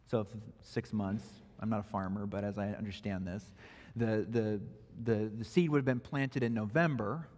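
A man's voice: fairly low pitch, fairly even intonation, moderate pace, a little mellow. Man preaching in a reverberant hall. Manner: expository preaching, rising emphatically when quoting scripture. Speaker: pastor. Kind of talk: sermon. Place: church sanctuary.

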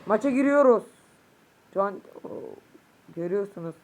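A man gives casual gameplay commentary, excitable and prone to shouting at his players or muttering curses. He is a bit sick. There is steady noise in the background. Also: sits high, moderate pace. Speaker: gaming youtuber. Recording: noisy home recording.

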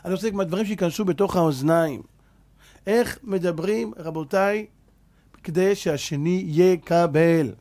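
Rabbi guy giving a torah class, pretty high voice, goes loud then quiet, tells stories. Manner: animated storyteller, swings between loud and hushed; acts out characters in anecdotes. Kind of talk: religious lesson to a congregation.

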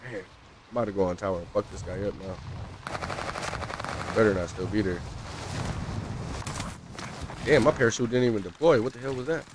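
A male game streamer keeps up slangy, profane chatter while he plays. His voice sits on the low side. Clear noise from the game runs behind him. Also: fairly quick, pauses often. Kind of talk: casual gaming chat.

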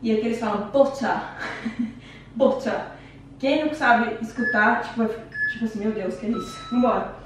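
A woman's voice: fairly high pitch, brisk, fairly bright tone. A woman with a Brazilian Portuguese accent coaching a home workout, chatty and encouraging, counting down reps while out of breath from exercising. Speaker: fitness instructor. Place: room at home. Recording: very echoey room, distant mic, faint noise.

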